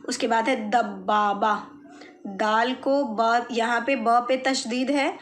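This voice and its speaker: A woman teaching children Arabic words, patiently explaining and repeating each word slowly. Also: fairly high pitch, steady tone. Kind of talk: slow explanatory lesson.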